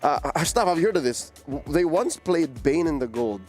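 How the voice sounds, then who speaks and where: A man's voice: fairly high pitch, animated, normal speed, darkish tone, soft background music. A man hosting an esports analyst desk. He asks his co-hosts questions and keeps the banter going.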